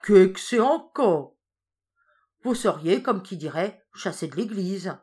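A woman's voice: fairly low pitch, animated, moderate pace, slightly rough. A woman doing a fretful old peasant woman. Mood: alarmed. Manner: rustic country dialect, loud exclamations.

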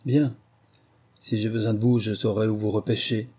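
A man's voice: fairly low pitch, little pitch movement, normal speed, dark tone, slightly rough. A man voicing a suspicious army captain in plain clothes who barks clipped, commanding questions.

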